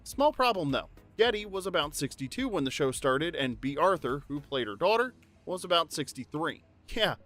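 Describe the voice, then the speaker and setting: A man's voice: a little high, very animated, moderate pace, fairly bright tone, soft background music. Upbeat jokey male narrator. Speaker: narrator of a TV trivia video. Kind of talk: scripted narration.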